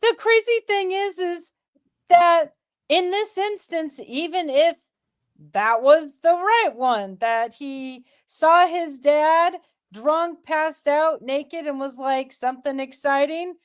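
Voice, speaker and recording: A woman with a high voice co-hosts a casual podcast talk. She speaks slowly and unhurriedly, backing up her partner and adding her own questions. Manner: agreeable, chimes in with questions. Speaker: podcast co-host. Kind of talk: casual discussion of scripture.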